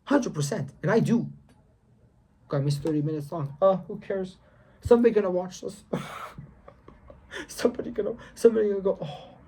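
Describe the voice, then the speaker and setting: A young man records a casual faith vlog, talking in a slangy, emphatic way, repeating himself and lecturing the viewer. His voice sits high and sounds mellow with a breathy edge, and he speaks briskly.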